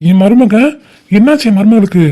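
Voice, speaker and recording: A woman voicing a worried middle-aged father in a cartoon, gentle and reassuring. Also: mid-range voice, normal speed, natural voice. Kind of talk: cartoon voice acting.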